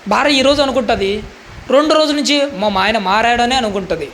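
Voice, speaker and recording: A man's voice: very high voice, a little fast, fairly bright tone, slight background noise. A male preacher giving a sermon in a fervent, pleading manner, full of rhetorical questions.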